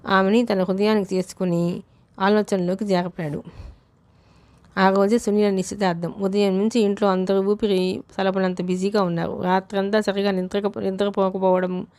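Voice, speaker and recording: A woman narrating a novel as an audiobook in a steady, unhurried reading style. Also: mid-range voice, clear, resonant tone, no room sound.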